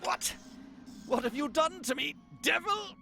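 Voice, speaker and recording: A man's voice: high-pitched, animated, slow pace, sharp tone, faint music behind, full character voice. A man voicing a pompous, easily flustered fantasy paladin in a video game, declamatory and prone to spluttering. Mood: indignant. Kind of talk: video game character acting. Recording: clearly noisy background.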